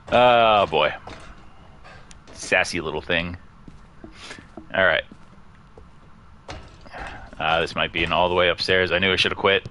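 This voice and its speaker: A man giving casual let's-play commentary at home, chatty and quick to laugh, chatting about his cat as he plays. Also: low-pitched, sharp tone, slight background noise. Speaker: gaming streamer. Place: at home near a couch.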